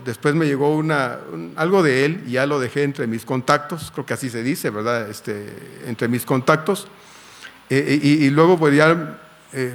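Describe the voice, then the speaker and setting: A middle-aged man preaches a sermon to his congregation. His voice sits fairly high, and he keeps the tone conversational, weaving in personal stories and rhetorical questions. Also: gravelly. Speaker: pastor.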